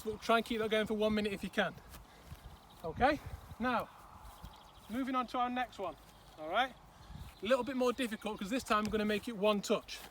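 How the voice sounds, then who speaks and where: His voice is very high-pitched and a touch bright as he coaches a football drill outside, explaining and showing the moves. The instruction is peppered with repeated "okay" and "all right," and at times he's short of breath. Recorded from a distance on an outdoor pitch, with ambient noise.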